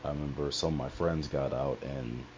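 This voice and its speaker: A young male streamer with an extremely low voice, fairly even intonation, and normal speed tells a personal story on a livestream. He rambles, swears, and takes lots of asides, and his headset audio is dull and lo-fi with faint hiss.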